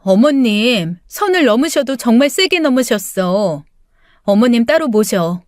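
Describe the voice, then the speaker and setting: A woman acting out an indignant daughter-in-law in a raised, high, cutting voice. The audiobook sound is dry and close. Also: big pitch swings, measured pace, dry recording. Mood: cold furious. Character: furious protective daughter-in-law.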